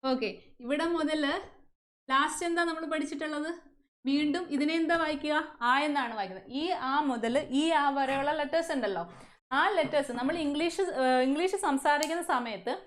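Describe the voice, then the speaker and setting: A woman's voice: sits high, normal speed. A woman from Kerala with a Malayali accent teaching an English class, often asking questions and answering them herself. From Kerala, India. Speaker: English teacher at a coaching centre. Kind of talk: classroom lesson.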